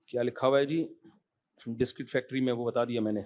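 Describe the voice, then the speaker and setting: A man's voice: mid-range voice, steady tone, a little mellow. A man giving a religious lecture as an Islamic scholar, talking emphatically and conversationally, with frequent rhetorical questions to his listeners, then answering their questions.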